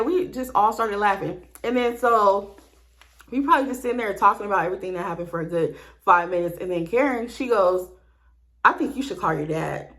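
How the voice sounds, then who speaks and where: A woman's voice: mid-range voice, fairly bright tone. A woman vlogger telling a story in casual, slangy talk with cursing, acting out the lines of the people in it. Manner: slangy, profane, acts out dialogue.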